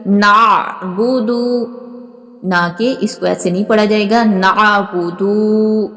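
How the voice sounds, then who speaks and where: A woman teaching Quran recitation, explaining pronunciation and then reciting verses slowly with long drawn-out, melodic vowels. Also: mid-range voice, vocal fry, darkish tone, long reverb tail. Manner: slow and deliberate, stretching recited words melodically. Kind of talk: slow recitation lesson with explanations.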